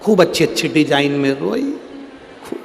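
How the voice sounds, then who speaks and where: A man's voice: fairly high pitch, animated, normal speed, creaky, soft background music. A man from central India giving a devotional sermon, telling a story dramatically and acting out voices. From Madhya Pradesh, India. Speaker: religious storyteller. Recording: echoey hall-like PA sound.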